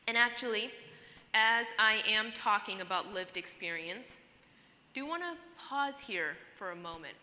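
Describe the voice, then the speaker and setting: Bright-voiced woman speaking in a hall. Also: mid-range voice. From Pakistan. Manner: earnest, emphatic, addresses audience directly. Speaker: conference keynote speaker. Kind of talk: keynote speech. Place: large conference hall. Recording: hall reverb, faint noise.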